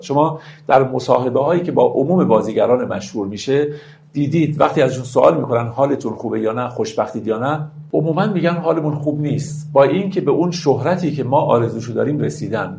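A man giving a lecture on classical verse, reciting lines slowly and then explaining them in a conversational tone. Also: mid-range voice, vocal fry, darkish tone. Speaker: teacher of classical poetry.

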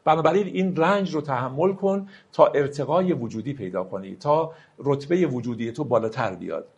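Gravelly man teaching poetry. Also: medium pitch, expressive, highs cut off. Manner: reads verses slowly and drawn out, explains in quick asides. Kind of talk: lecture with slow poetry recitation.

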